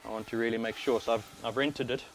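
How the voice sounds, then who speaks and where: Speaking quickly at a medium pitch, a South African-accented overclocker hosts a livestream with casual, informal and explanatory commentary on a wireless worn microphone. The recording is low quality, with clear, steady background noise.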